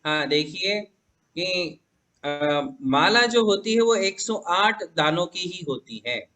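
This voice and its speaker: A man's voice: high-pitched, expressive, slow pace, pushed and bright. A man, a Jain monk, answering devotees' questions in a patient, reassuring, explanatory way. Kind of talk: religious question-and-answer teaching.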